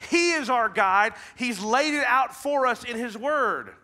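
A man in his thirties with a Midwestern American accent, preaching a sermon from a church stage, swinging between loud emphatic calls and hushed, near-whispered lines. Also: very high-pitched, very animated, unhurried. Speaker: pastor. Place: large church stage with blue-lit backdrop.

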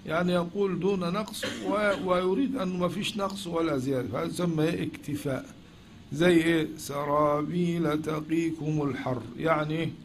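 Fairly high-pitched and steady in tone, a male logic teacher with an Egyptian Arabic accent speaks a little fast during a classroom lecture. He tends to ask questions and then answer them. A little hiss or hum runs underneath.

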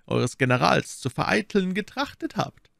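A man putting on a stern old cardinal in a storybook reading, his voice lifted well above the reader's own and rough with gravel. He speaks slowly and deliberately, with a cold, commanding menace, in a dry, close sound. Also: high-pitched, big pitch swings, fairly bright tone, dry recording, pitched above the performer's own voice, full character voice. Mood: stern, imperious. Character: stern, imperious older male cardinal. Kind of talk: audiobook character voice.

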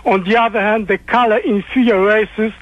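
A man's voice: sits high, fairly even intonation, normal speed, no echo. A man from Colombia with a Colombian accent, calling in to a radio show and ranting in dogmatic, formal, stilted diction. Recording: dull lo-fi phone call on radio.

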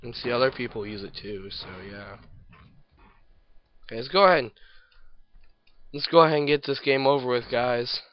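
A man's voice: medium pitch, dull audio. A man casually commenting over his own gameplay, rambling and self-deprecating, with hiccups and yawns. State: hiccups and yawning. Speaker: gameplay video maker.

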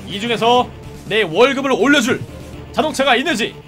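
A man giving playful, animated live commentary while streaming a police game, often shouting commands at the game's characters. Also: very high voice, normal speed, soft background music.

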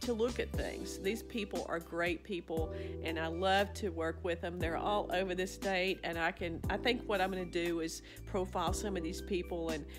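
Middle-aged woman, lowish voice, folksy rambling chat, phone close up, music clearly under it. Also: steady tone, normal speed, hardly any pauses. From Arkansas. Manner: folksy, rambling, restarts and trails off. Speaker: vlogger, physician and farmer. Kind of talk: casual chat to camera. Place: small cluttered indoor office. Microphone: phone camera up close.

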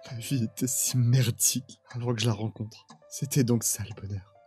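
A man acting an emotional young boyfriend in an audio drama, easily exasperated and expressive. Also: medium pitch, normal speed, husky, soft background music. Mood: resigned, solemn. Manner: expressive, swinging from soft narration to anguished cries.

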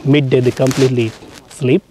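A man's voice: medium pitch, flat delivery, moderate pace, dark tone, low-quality recording. A man with a North Indian accent and Hindi as his native language, a safari guide explaining informally to tourists in irregular non-native English. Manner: non-native English with irregular grammar and repeated tag "you know". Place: outdoors in an open safari vehicle. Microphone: camera a short distance away. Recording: faint outdoor noise and clicks.

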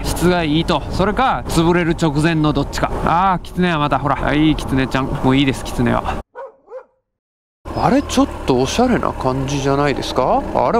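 A man's voice: on the high side, noisy background. A man with a Kansai accent, chatting and grumbling to the camera from a helmet mic while he rides a motorcycle. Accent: Kansai Japanese. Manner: chatty, self-mocking, grumbling about the cold. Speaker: motovlogger. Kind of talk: casual motorcycle vlog commentary. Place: riding a motorcycle outdoors on a road at night. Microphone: external helmet microphone.

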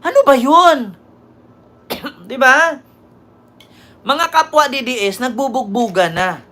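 A woman's voice: high-pitched, takes it slowly, a bit bright. A woman hosting a political commentary show, mocking and scornful, constantly asking her listeners for agreement.

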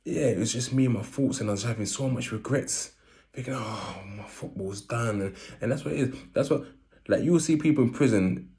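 A man with an urban London accent and roadman street slang delivery, telling personal stories casually and repeating phrases for emphasis. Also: on the low side. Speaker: vlogger. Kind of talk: casual personal storytelling to camera.

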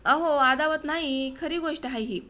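An enraged young village husband, read by a woman narrator, spits out bitter, shouting outbursts. The voice sits high for a man and stays clearly within a spoken storybook reading. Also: normal speed. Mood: furious.

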